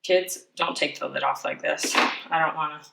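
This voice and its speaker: A children's library storytime presenter gives a casual craft demonstration for kids, chatting playfully and tossing in self-deprecating asides. Her voice is low with a steady, sharp tone and a moderate pace. The recording sounds roomy, with a distant mic and clear background noise.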